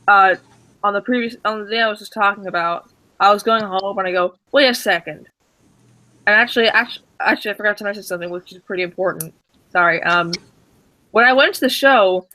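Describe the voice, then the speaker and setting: A man co-hosting a stream, telling a casual story with many restarts and fillers, and acting out the dialogue with excitement. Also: sits high, poor audio. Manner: acts out quoted dialogue excitedly. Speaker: stream co-host.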